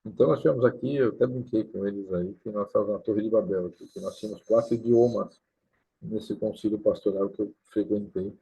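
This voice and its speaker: A Brazilian man, a pastor, talking casually to the camera and explaining things slowly, often adding "né?" at the end. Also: fairly low pitch, steady tone, vocal fry, mellow, breathy edge. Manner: explains slowly with many "né?" tags. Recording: tinny lo-fi sound.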